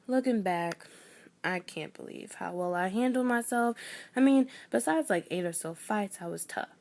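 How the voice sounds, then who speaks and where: A young woman telling a performed personal story with wry humor, swinging between loud bursts and near whispers. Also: mid-range voice, normal speed.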